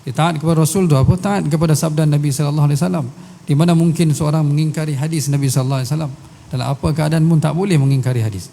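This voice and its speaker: A man's voice: on the high side, steady tone, rapid-fire, vocal fry, mellow. A man with a Malaysian Malay accent giving a mosque lecture, telling stories and reciting Arabic verses, with rhetorical questions to his listeners. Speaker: religious teacher. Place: large mosque hall. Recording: long hall reverb.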